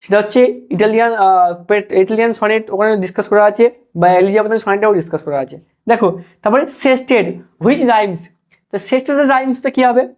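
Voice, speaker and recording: A woman's voice: medium pitch, brisk, a little mellow. A woman teacher, giving an exam-prep literature lecture in a repetitive, explanatory way. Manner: repetitive, explanatory, keeps saying "look".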